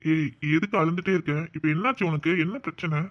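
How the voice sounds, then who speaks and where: A woman's voice: low voice, fast, muffled recording, natural voice. A woman voicing a persistent, affectionate young man in a cartoon. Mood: firm. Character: young man, devoted and playful suitor. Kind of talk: cartoon voice acting.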